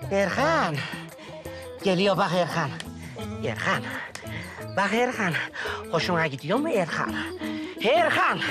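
A melodramatic jilted young man. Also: sits high. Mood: self-pitying. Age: young adult. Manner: dramatic, exaggerated, whiny outbursts. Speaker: lovesick neighborhood young man. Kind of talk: TV sitcom acting. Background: background music.

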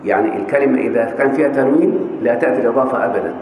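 A man lecturing on Arabic grammar with an Egyptian accent, often pausing to quiz his students on the answer. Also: medium pitch, darkish tone, slight background noise. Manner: questioning students, coaxing answers. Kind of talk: classroom lecture. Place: large mosque hall. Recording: echoey hall with faint ambience.

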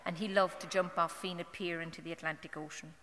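Irish mum talking earnestly at a church novena, a bit low-pitched, lots of ums, big echoey church. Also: female voice, steady tone, a bit bright, a little hiss or hum. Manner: earnest, halting, with fillers and restarts. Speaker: mother giving a testimony at a parish novena. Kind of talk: personal testimony talk. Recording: long church hall reverb.

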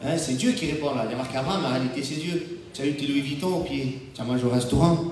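A man preaching a sermon as pastor, emphatic, swinging between loud calls and hushed asides. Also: medium pitch, very fast. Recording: very echoey, from far off the mic.

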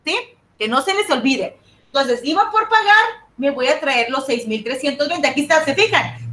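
A woman's voice: high-pitched, pushed and bright, a little hiss or hum. A woman teaching an accounting class online, often stopping to check that her students follow and repeating key points. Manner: asks students frequent check-in questions.

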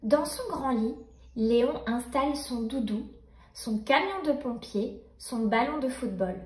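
A woman's voice: sits high, lively intonation, unhurried, a little mellow, poor audio. A woman narrating children's picture books as a storyteller, reading a scripted story aloud.

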